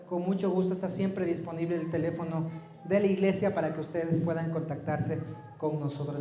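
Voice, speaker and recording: A man preaching a sermon in a church, soft-spoken and friendly, drawing the congregation in with questions. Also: high-pitched. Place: church sanctuary. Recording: echoey church hall.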